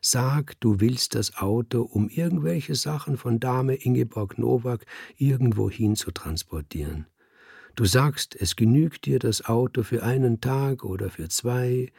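A sly scheming tomcat with a husky, gravelly voice, put on by a man reading an audiobook. He coaxes and insinuates, pitched a little low. The sound is close and dry. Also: measured pace, darkish tone, no echo. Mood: coaxing. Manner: coaxing, insinuating. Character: scheming male house cat, sly adviser.

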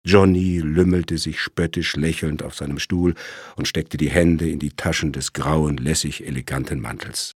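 A man narrating a crime story in a dramatic, measured storytelling manner. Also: rumbling low, fairly even intonation, breathy edge, no echo, clean studio sound.

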